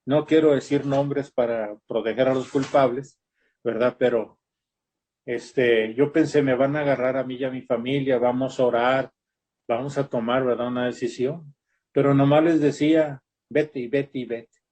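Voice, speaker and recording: An older man gives a personal testimony to a Bible class. His husky voice sits at a middle pitch, and he keeps checking in with his listeners as he tells the story. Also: fairly even intonation, normal speed, darkish tone. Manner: storytelling, tags lines with "¿verdad?".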